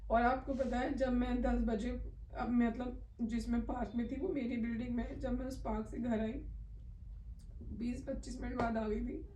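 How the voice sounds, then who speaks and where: A woman's voice: fairly high pitch, level tone, moderate pace, mellow, far from the mic, slight background noise. A woman talking in a casual personal vlog at home, earnest, emotional and confiding. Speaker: vlogger. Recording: echoey room, voice from off-mic.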